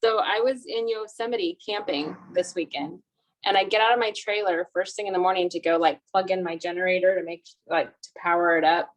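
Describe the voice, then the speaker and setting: A woman on a video call, chatting casually and telling a lively story to her meeting group, full of fillers. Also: on the low side, fairly quick. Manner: chatty, animated, lots of fillers. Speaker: meeting participant.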